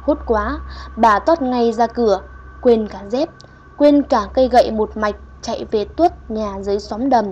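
A woman narrating a folk horror story in a steady storytelling voice, in a dull lo-fi recording. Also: a little high, moderate pace. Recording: dull lo-fi audio with faint hiss.

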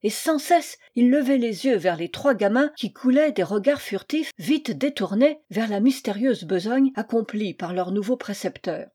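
A woman reading a classic short story aloud as an audiobook narration, measured and expressive. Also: fairly high pitch, slightly rough. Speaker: reader.

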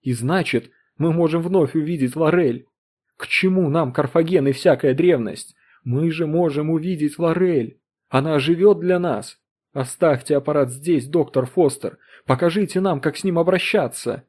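A man voicing a distraught, grieving middle-aged woman in an audiobook reading, pleading and climbing into shrill cries. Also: normal speed, darkish tone, lightly acted. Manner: pleading, rising to shrill screams.

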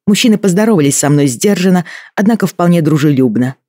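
Male audiobook narrator, measured first-person read, slightly raised pitch, dry close mic. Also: expressive, darkish tone, no echo.

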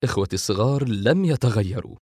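A man voicing a gentle, wistful eldest brother and father in an audiobook. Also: mid-range voice, animated, fast, no room sound, clean studio sound, lightly acted. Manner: wistful, soft-spoken. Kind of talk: audiobook character voice.

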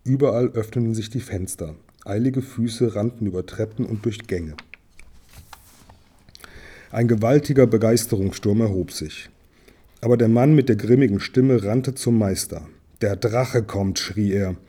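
Dark-voiced man reading a storybook. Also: lowish voice, slightly rough. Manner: steady storytelling with small slips. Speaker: audiobook reader. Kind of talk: audiobook narration.

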